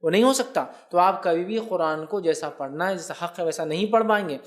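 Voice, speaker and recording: A high-voiced man, an Islamic scholar, answers viewer questions in a religious lecture. He explains patiently and frequently checks that listeners are following.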